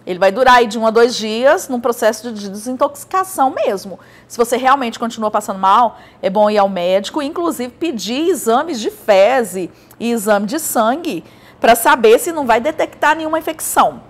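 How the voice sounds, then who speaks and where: A woman with a Brazilian Portuguese accent talks straight to the camera in a relaxed vlog. She explains things step by step in a chatty way and drops in fillers and personal stories. Her voice sits a bit high. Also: normal speed. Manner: chatty and explanatory, tells anecdotes with frequent fillers. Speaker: probiotics educator.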